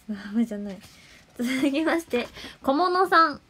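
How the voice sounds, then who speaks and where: Bright-voiced young idol woman, chatty. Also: sits high, lively intonation, normal speed. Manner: chatty, playful, drops into soft murmurs and whispered thanks. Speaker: idol livestreamer. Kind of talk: casual solo livestream chat.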